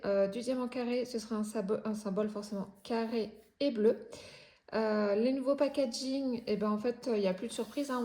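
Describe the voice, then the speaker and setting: Chatty French woman, soft mellow voice. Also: mid-range voice. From France. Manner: chatty, many filler "euh"s, self-correcting. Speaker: craft channel host. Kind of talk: casual unboxing chat. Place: home indoors.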